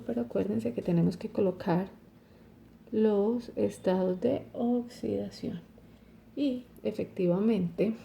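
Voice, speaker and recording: Female teacher, dark mellow tone with some fry, patient step-by-step explainer, faint hiss behind. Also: medium pitch. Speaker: chemistry teacher. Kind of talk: recorded online lesson.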